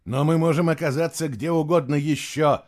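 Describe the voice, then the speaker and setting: A man's voice: on the high side, steady tone, moderate pace, a little mellow, voice pushed up, close to an everyday voice. A man reading an audiobook, voicing a grim, reluctant young nobleman with clipped speech. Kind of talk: audiobook narration.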